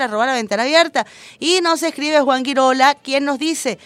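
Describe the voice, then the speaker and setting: A woman's voice: high-pitched, fairly bright tone, no room sound. A Venezuelan woman hosting a radio show, talking in a chatty, emphatic way and often tagging her sentences with little questions. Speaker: radio host. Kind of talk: casual radio commentary. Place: radio studio.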